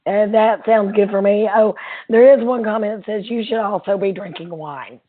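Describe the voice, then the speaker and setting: A woman with a hoarse, froggy voice co-hosting a casual live webinar. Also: mid-range voice, normal speed. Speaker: webinar co-host. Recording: tinny, phone-like band-limited webinar audio.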